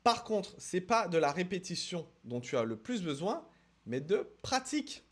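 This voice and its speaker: A man's voice: high-pitched, very animated, fairly bright tone. A man from France teaching English in a casual video lesson, emphatic, repeating words for stress and talking straight to the viewer. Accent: French accent when speaking English. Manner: addresses viewer directly with quick asides.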